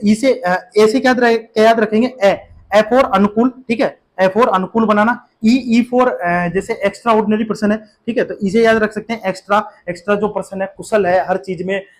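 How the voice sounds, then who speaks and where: A man teaching English vocabulary for an exam, explaining in a patient, repetitive way with frequent fillers and check-in questions, and an Indian English accent. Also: high voice. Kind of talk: exam-prep vocabulary lesson.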